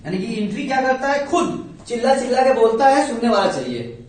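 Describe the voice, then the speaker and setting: A man's voice: very high-pitched, sing-song, a little fast, darkish tone. A man teaching a commerce class, repeating key terms, quizzing his students and reassuring them. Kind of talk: classroom lecture. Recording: echoey room from far off.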